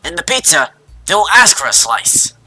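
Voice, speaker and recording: A man voicing a paranoid, excitable young man who schemes and mooches, in a silly put-on accent. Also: a little high, moderate pace, voice pushed up, full character voice. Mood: paranoid ranting.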